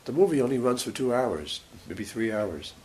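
A man giving a scripture lecture as a religious teacher, short of breath, halting and pausing mid-sentence. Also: mid-range voice, very animated, a little mellow. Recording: faint background hiss.

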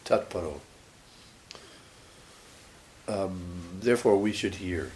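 A man giving a scripture lecture as a religious teacher, short of breath, halting and pausing mid-sentence. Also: mid-range voice, expressive, a little mellow. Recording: faint background hiss.

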